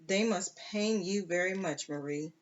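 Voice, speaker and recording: A rough, cynical pirate captain barks out blunt orders, as a storybook reader puts him on. The delivery is slow and unhurried. The recording sounds dull and lo-fi. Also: mid-range voice, fairly bright tone, lightly acted. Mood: gentle.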